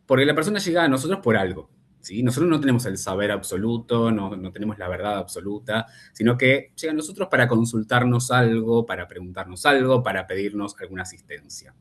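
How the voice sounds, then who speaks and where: A man teaches a speech therapy class, working through examples from his own practice. His voice sits in an ordinary middle pitch. He often repeats the start of a phrase and checks in with a quick question to his students. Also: animated. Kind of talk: classroom lecture.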